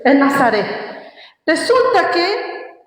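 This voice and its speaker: Her voice is very high-pitched and sing-song, and she preaches slowly and emphatically. As she teaches, she keeps putting questions to the congregation, all in an echoey hall.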